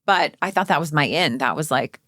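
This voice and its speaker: A woman's voice: deep voice, lively intonation, brisk, a bit bright, dry recording, studio quality. A middle-aged woman co-hosting a casual podcast, talking animatedly and slipping into baby talk now and then. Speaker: podcast co-host. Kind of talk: casual chat. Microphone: studio microphone.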